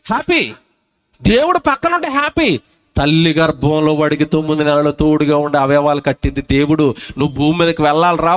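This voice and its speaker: A man preaching a sermon at a public meeting, reading scripture slowly and pressing the crowd with repeated questions. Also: sits high, a bit bright. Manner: emphatic, asks the crowd repeated rhetorical questions; reads scripture slowly and deliberately. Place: outdoor public gospel meeting.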